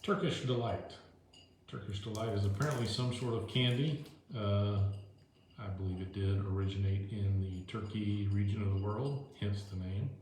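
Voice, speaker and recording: Low-voiced man rambling in an echoey room. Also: fairly even intonation, moderate pace, darkish tone, a little hiss or hum. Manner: loose and chatty, with many fillers and restarts. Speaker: host of a food-tasting video show. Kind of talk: casual rambling talk to camera. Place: indoors at home, moved in from the deck.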